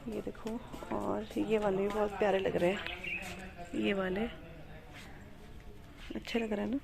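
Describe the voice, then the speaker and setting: A woman's voice: medium pitch, flat delivery, a little slow, vocal fry, a crowd in the background. A woman in her thirties chatting casually through her daily vlog in a homely, rambling way. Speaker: vlogger.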